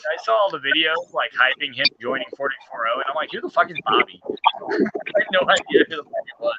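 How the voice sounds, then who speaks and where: A man's voice: on the high side, very animated, fast, a loud crowd. A man calling in on his phone without wifi, his voice muffled like it is underwater, talking loosely and rambling with plenty of swearing. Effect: muffled, underwater-sounding phone audio. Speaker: guest calling in. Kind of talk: casual chat. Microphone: phone held in hand, no wifi. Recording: muffled noisy phone line.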